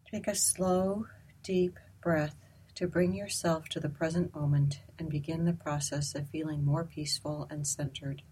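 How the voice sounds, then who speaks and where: A woman leading a guided loving-kindness meditation, speaking slowly, softly and gently. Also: deep voice, slightly rough, poor audio. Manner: slow, soft, calm and gentle.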